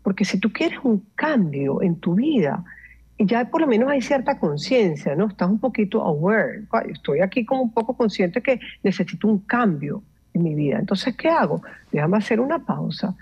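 A woman, a meditation coach explaining calmly and instructively, mixing in English words. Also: mid-range voice, normal speed, slightly rough, lo-fi sound. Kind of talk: explanatory interview talk.

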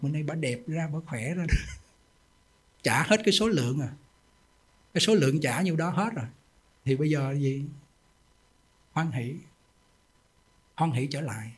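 A man preaches as a Buddhist monk, telling homely stories and tossing out rhetorical questions. His voice sits fairly high for a man and carries a husky grain. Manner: emphatic, folksy storytelling with rhetorical questions. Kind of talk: sermon.

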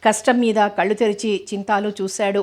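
Woman narrator for an audiobook novel: flat, level delivery, even pacing, unhurried storytelling. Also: medium pitch. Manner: steady, even storytelling read.

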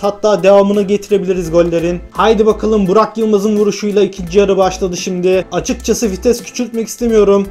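Man, high voice, plays a football game while narrating each move, faint game music under him. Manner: excited shouting on goals, then glum muttering to himself. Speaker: gaming YouTuber. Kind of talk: live gameplay commentary.

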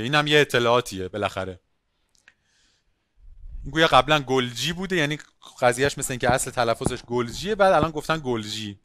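A male biology teacher giving an online class, lively, asking questions and calling on students by name. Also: medium pitch, smooth, no echo, clean studio sound.

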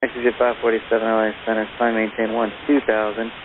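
A man's voice: lowish voice, completely flat delivery, fast talker. A man working as an air traffic controller, giving clipped instructions over a crackly radio. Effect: crackly aviation radio transmission. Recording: narrow-band crackly radio with hiss.

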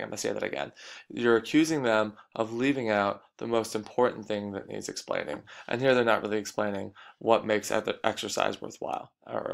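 A man's voice: fairly low pitch, vocal fry, a bit bright. A man teaching a recorded lecture, explaining points and repeating the key ones.

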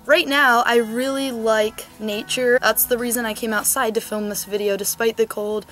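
Faint music plays behind a nineteen-year-old vlogger as she speaks casually and earnestly to the camera, throwing in quick asides, in a cold, sunny yard. Her fairly high voice is steady and fairly bright, recorded on a camera mic from a medium shot.

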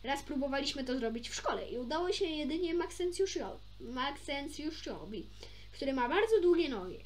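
A young amateur storyteller reads a children's book aloud with expression and lively intonation, at a moderate pace in a high voice. She's informal, tripping over words and correcting herself, adding chatty asides, with slight background noise present.

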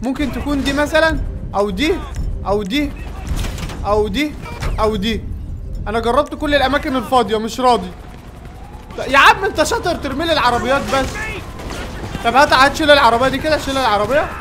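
High excitable Egyptian gamer man. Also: fast talker, pauses often, music in the background. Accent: Egyptian Arabic. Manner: excitable, yells at game characters. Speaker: gaming YouTuber. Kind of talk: excited gameplay commentary.

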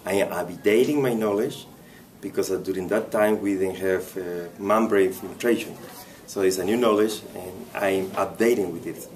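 Low-voiced Costa Rican man, distant. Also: normal speed, darkish tone. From Costa Rica. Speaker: course participant. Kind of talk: short testimonial to camera.

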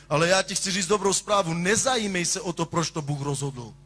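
High, bright-voiced preaching pastor. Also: male voice. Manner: impassioned preaching, swings from sung shouts to quiet asides. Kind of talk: sermon.

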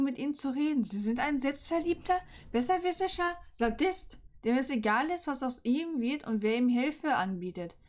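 A woman reading aloud and voicing a sharp-tongued, defiant young female student. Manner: indignant, raised high.

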